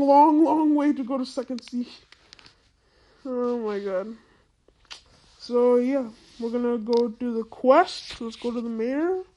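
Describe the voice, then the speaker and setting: A gaming video host, altered by a voice changer into a female-sounding, medium-pitched voice, speaks with a warm tone over a rough recording. The commentary stays casual, slangy and repetitive, with plenty of incredulous outbursts.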